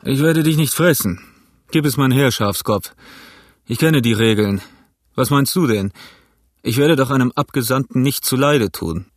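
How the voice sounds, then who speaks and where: A man's voice: mid-range voice, moderate pace, no room sound, studio quality, lightly acted. A man voicing a sly, mocking old pirate cook in an audiobook, talking with jovial sarcasm. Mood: coaxing. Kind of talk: audiobook character voice.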